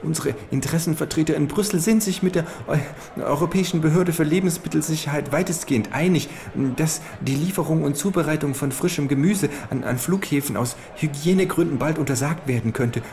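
A man voicing a small, fat, fawning male food executive who talks in a high falsetto and stammers, repeating his words. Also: a little fast, hardly any pauses, darkish tone, a little hiss or hum, natural voice. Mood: eager, flustered.

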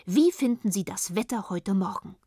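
A woman's voice: medium pitch, animated, normal speed, mellow, breathy edge, dry recording, clean studio sound. A woman reading aloud, voicing a matter-of-fact, know-it-all uncle in a storybook.

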